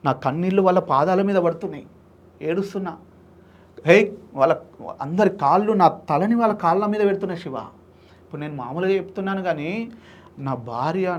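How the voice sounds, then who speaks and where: A man, telling an emotional story in an interview, animated and acting out the voices of people he quotes. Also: on the high side. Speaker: social activist guest.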